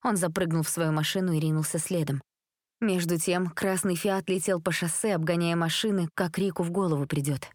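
Low-voiced woman reading a story. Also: fairly even intonation, brisk, a little mellow, dry recording, clean studio sound. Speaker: reader. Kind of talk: storybook narration.

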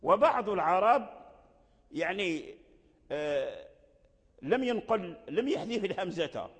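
A somewhat high-voiced man gives a recitation lesson, going back over each example word again and again. His voice trails off into a long hall reverb. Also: big pitch swings, unhurried, breathy edge. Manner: explains by repeating each word several times. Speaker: Quran recitation teacher. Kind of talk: classroom lesson explanation.

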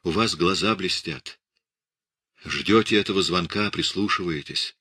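An earnest young woman in love, voiced by a male reader. She talks softly and pleadingly, in a low, husky, bright-edged voice close to a dry mic, as in an audiobook. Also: unhurried, no room sound, full character voice.

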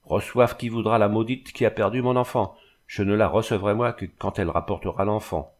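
A man reading the lines of a grieving peasant father, harsh and bitter, in a low voice. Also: steady tone, a little fast, close to an everyday voice. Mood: furious.

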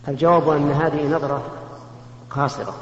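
A man, a religious scholar answering questions in a measured, explanatory way with rhetorical questions. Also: a little high, fairly even intonation. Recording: echoey hall, muffled lo-fi tape with faint hum.

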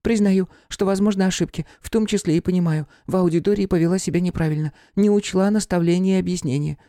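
A man voicing a small, timid female squirrel golem in a squeaky, formal, apologetic way. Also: steady tone, fast talker, mellow, dry recording, studio quality. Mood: earnest. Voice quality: squeaky, piping.

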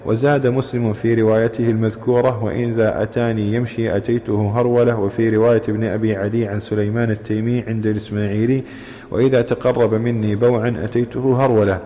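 A man reading a classical commentary aloud in a mosque, with steady recitation. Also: on the low side, fast. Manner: steady recitation of quoted chains. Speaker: student reading the text aloud. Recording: long reverb from mosque hall.

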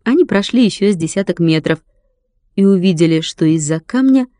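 A woman reading a children's story aloud as an audiobook narrator, in a calm, even storytelling manner. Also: fairly low pitch, a little fast, no room sound, clean studio sound. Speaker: audiobook reader.

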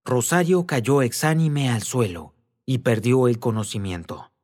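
A man narrating a classic novel as an audiobook with a slow, expressive, dramatic reading. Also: mid-range voice.

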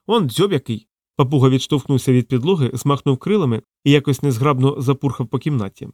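A man's voice: medium pitch, fast talker, darkish tone, no echo. Man reading an audiobook, dry sound. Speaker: narrator. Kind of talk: audiobook narration.

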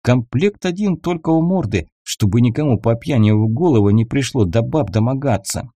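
A man's voice: mid-range voice, expressive, mellow, no room sound. A man voicing a frightened young male captive who talks nervously and in a hurry. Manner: nervous, hurried, gulping.

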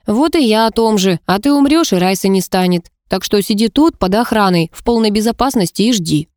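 A woman's voice: medium pitch, expressive, a little fast, darkish tone, no room sound, clean studio sound, close to an everyday voice. A woman reading an audiobook, voicing a small, mocking male pixie who scolds and teases. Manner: scolding, teasing. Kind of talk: audiobook narration.

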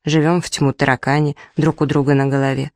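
A woman's voice: low voice, flat delivery, a little fast, a little mellow, dry recording. A woman reading the lines of a quarrelsome, sarcastic young wife aloud from a story, in a dry room. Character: sharp-tongued young wife, twenty-seven.

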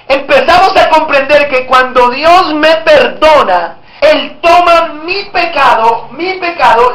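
A man's voice: extremely high pitch, sharp tone. A man preaching a sermon as pastor, emphatic and often asking the congregation rhetorical questions. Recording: echoey room.

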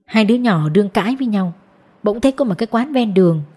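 A woman narrating a novel as an audiobook, reading in a steady, even manner. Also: mid-range voice, fast talker, breathy edge. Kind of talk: storybook narration.

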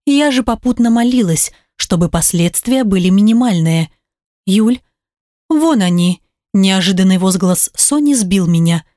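A woman reading a first-person audiobook in an expressive way and giving the characters their own voices. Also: mid-range voice, normal speed, few pauses, no echo, studio quality. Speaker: audiobook narrator.

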